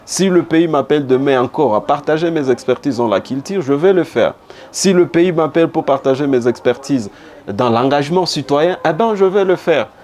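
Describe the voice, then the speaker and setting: Here a former humanitarian worker turned politician from DR Congo speaks in a broadcast interview, his Congolese accent clear. His fairly high, expressive voice has a darkish tone and moves at a moderate pace, and he hammers points home by repeating phrases. Room ambience and background noise are audible.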